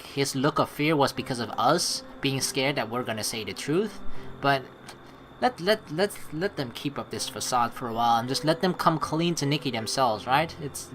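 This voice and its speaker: Her voice is low but fairly bright in tone, with slight background noise present. Acting as a let's play host, the woman reads text from the game aloud and comments in a meandering, casually foul-mouthed way, with game music underneath.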